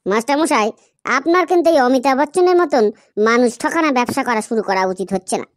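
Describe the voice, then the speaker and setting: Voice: high-pitched, expressive, quick pace. A performer voicing a cheeky, argumentative schoolchild in a comedy cartoon, explaining things at length. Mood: cheeky doubt. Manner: cheeky, long-winded explaining. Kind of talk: comic cartoon dialogue.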